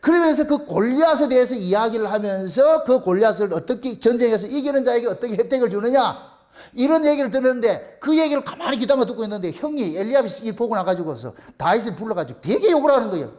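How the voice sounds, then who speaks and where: A man preaching a sermon, retelling the story in a colloquial, animated way and voicing the characters. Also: very high voice, fast talker. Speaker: pastor.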